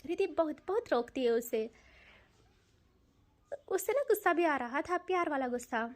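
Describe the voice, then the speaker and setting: A woman's voice: sits high, animated, normal speed. A woman storyteller and writer narrating a romantic audio story in an intimate, descriptive way.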